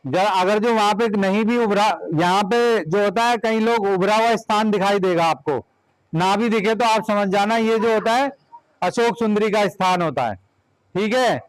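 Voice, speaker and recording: A man's voice: sits high, normal speed, clean tone, no room sound, poor audio. A man teaching a class of children, giving directions and repeating short commands.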